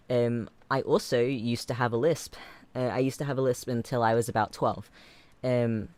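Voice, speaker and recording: Young guy hosting a stream; rambling, filler-heavy chat, mid-pitched. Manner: rambling, filler-heavy, frequent laughs, gets louder and faster. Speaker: livestream host. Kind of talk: casual livestream chat.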